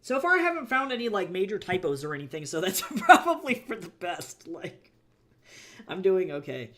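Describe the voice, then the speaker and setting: An indie fantasy author chatting casually on a live stream, rambling with lots of fillers and quick laughs. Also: medium pitch, very animated, a bit bright.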